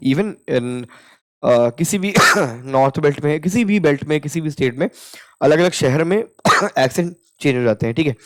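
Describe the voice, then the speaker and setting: A young man with an Indian accent gives a casual spoken English lesson, blending Hindi with English and slowly repeating example sentences. His voice is fairly high with lively intonation.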